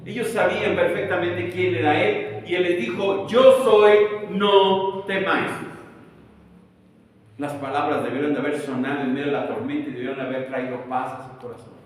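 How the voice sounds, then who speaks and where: Pastor guy preaching, kinda high voice, emphatic, lots of rhetorical questions, mic far off, big echoey church. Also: fairly even intonation, fast, few pauses, a little hiss or hum. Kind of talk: sermon. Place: church sanctuary. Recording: echoey church hall, voice from afar.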